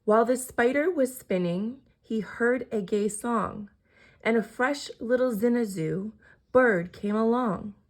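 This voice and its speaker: An expressive female storyteller reads a children's picture book aloud, her voice on the high side and unhurried.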